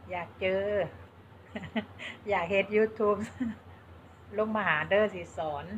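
A woman from Buriram with an Isan Thai accent, chatting slowly and haltingly to her vlog viewers and mixing in Isan particles. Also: medium pitch, steady tone, fairly bright tone, slight background noise. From Isan, Buriram province, Thailand. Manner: slow and halting, with many fillers and Isan particles. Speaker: vlogger. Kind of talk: casual chat to camera. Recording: dull lo-fi sound with faint ambience.

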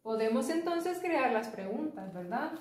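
A woman teaching an English lesson, explaining slowly and patiently. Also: sits high, very animated, recorded from a distance. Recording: echoey room, voice from off-mic.

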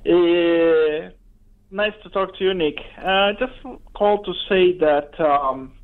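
A man with a fairly high voice calls in to a talk show. He speaks casually and hesitantly, full of fillers, through a narrow-band telephone line. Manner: hesitant, halting, many fillers. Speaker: radio phone-in caller. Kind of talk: casual chat. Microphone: telephone call.

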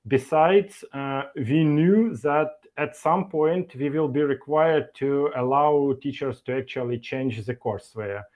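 A man's voice: mid-range voice, a little mellow. A man presenting at an online meetup over a video call, speaking with frequent fillers and restarts. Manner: halting, many fillers and restarts. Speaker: conference speaker from an e-learning developer.

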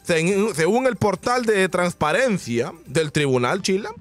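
A man's voice: high-pitched, expressive, unhurried, soft background music. A man with a Honduran accent hosting a comedic radio news show, joking and slipping into a mock newsreader voice.

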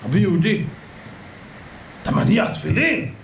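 A man's voice: high voice, big pitch swings, creaky, slight background noise, heavily acted. A man voicing a stern, imposing elderly rabbi who fires off short, blunt questions. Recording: echoey room.

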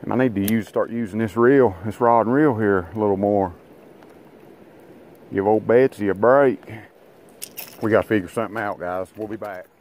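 A fishing vlogger stands on a rocky riverbank, his voice on the low side with a darkish tone. He speaks at a moderate pace with long pauses, rambling in a down-home way and calling viewers guys and boys. Slight background noise comes through his body-mounted action camera.

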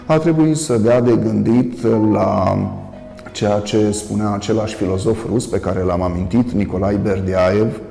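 Male TV lecturer, gravelly and mellow, deliberate with many pauses; roomy reverb. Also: lowish voice, soft background music. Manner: measured, halting with frequent "uh" pauses, stressing contrasting word endings. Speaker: priest and professor hosting a TV talk. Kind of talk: solo lecture-style commentary.

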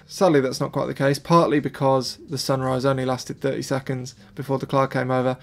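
A man's voice: medium pitch, gravelly, darkish tone. A young man chatting casually and explaining his photo editing step by step, self-deprecating. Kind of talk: casual vlog and editing tutorial.

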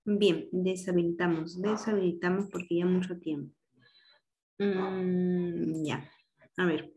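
A woman's voice: on the low side, fairly even intonation, slow pace, warm tone. A woman teacher running an online class, giving directions and patiently explaining grammar with examples.

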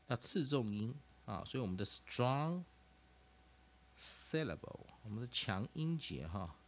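Chinese-speaking guy teaching english sounds, low voice but bouncy, lots of little fillers, stretches words out. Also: a little hiss or hum. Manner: repetitive, drawn-out syllables, frequent filler particles. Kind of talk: classroom lesson explanation.

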